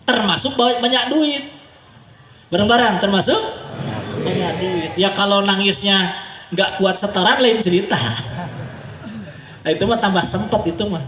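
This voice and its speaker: A man with a Sundanese accent preaching a sermon, leading a crowd in call-and-response with an animated voice that swings between high and low. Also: normal speed, long pauses. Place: large pesantren gathering. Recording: echoey hall, faint noise.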